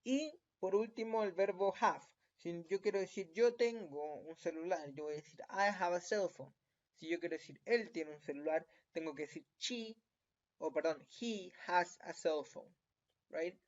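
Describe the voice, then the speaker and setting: A man's voice: sits high, unhurried. A man with a Chilean accent teaching a recorded lesson, patient and checking in with the listener after almost every point. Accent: Chilean Spanish. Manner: patient, checks in often with tag questions. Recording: dull lo-fi recording.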